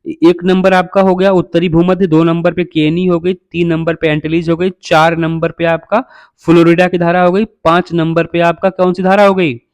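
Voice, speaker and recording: A man's voice: on the high side, flat delivery, moderate pace, clean tone, no echo. Man quizzing students through a map. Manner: quizzes listeners and answers himself; repetitive, drills names by number. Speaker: teacher. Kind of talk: geography lesson over a map.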